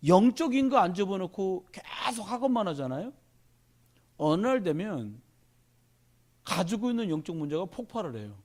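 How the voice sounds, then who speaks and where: Male pastor, middle-aged, high and very animated delivery, sermon in church. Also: moderate pace, pauses often. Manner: animated preaching, addresses congregation directly.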